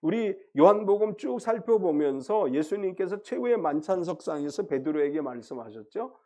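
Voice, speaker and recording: A man with a high voice preaches a sermon from the pulpit. He retells the story in a conversational way and acts out the quoted lines, dropping to a hush and then rising again. His delivery comes in lively bursts. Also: moderate pace. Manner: acts out quoted voices of Peter and Jesus, swinging loud to soft. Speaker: pastor.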